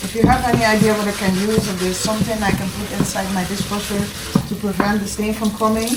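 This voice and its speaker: A Dutch cooking vlogger, an adult woman with children from the Netherlands, chats casually to her viewers while cooking in her home kitchen, speaking directly to them in a Dutch-accented, medium-pitched voice and mixing in Dutch words. Dutch is her first language. The recording is very noisy, with kitchen echo and background music.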